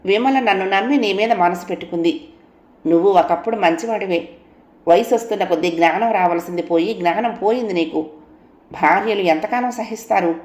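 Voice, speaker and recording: A woman's voice: mid-range voice, a little fast, a little mellow, roomy sound, natural voice. A woman voicing an indignant elder brother who scolds his sister's husband reproachfully. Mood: scolding.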